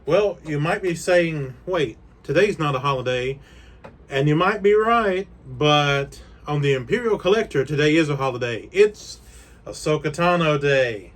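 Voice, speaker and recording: A man's voice: a little high, lively intonation, unhurried. A man hosting a casual unboxing video from a room of collectibles, chatting and rambling with frequent fillers. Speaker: toy collector host.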